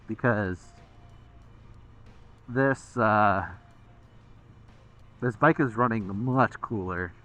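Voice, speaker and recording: A man's voice: mid-range voice, a bit bright. An American man from the Midwest chats casually while riding a motorcycle, rambling along and swearing freely as a vlogger.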